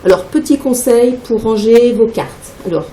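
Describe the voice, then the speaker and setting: A woman teacher calmly walks through a classroom phonics game, naming pictures and sounding out first syllables slowly and patiently. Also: on the high side, roomy sound, slight background noise, poor audio. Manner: patient, slow, spelling out syllables. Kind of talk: instructional demonstration.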